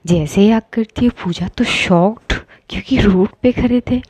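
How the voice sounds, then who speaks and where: A woman's voice: mid-range voice, normal speed, darkish tone, slightly rough, dry recording. A woman narrating a romance story in a casual, conversational storytelling style. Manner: conversational, colloquial, dramatizing.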